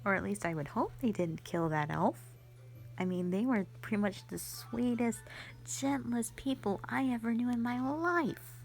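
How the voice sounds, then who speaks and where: With a fairly high, creaky voice at a moderate pace and soft music in the background, a woman plays a magic mentor in a fantasy roleplay audio drama. The character is easygoing, flirty and musing, rambling in a hesitant, offhand manner packed with asides.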